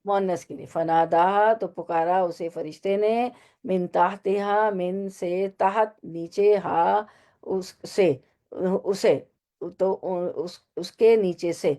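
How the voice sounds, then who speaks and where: A woman's voice: medium pitch, fairly even intonation, warm tone. Urdu-speaking woman teaching a Quran lesson. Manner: explains Arabic words slowly, asks listeners questions.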